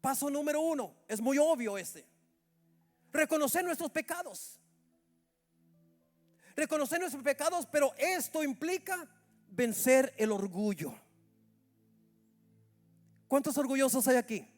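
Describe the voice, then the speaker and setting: A middle-aged pastor preaches in a very high voice. He calls out to the brothers as he goes. His words ring through a church hall with a long echo. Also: expressive, measured pace, long pauses, faint music behind. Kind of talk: sermon at a Bible study.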